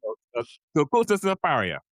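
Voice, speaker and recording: A man's voice: fairly high pitch, wildly swooping pitch, a little fast, dry recording. A middle-aged Trinidadian man hosting a podcast interview, chatty and upbeat, with lots of fillers and repeated words. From Trinidad and Tobago. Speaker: podcast host. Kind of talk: casual interview chat.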